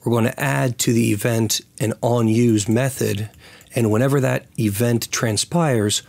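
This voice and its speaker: A man with a raspy, hoarse voice recovering from losing it, hosting a casual programming tutorial and thinking aloud as he works. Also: medium pitch, steady tone, unhurried, darkish tone. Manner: thinks aloud while working. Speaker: tutorial host.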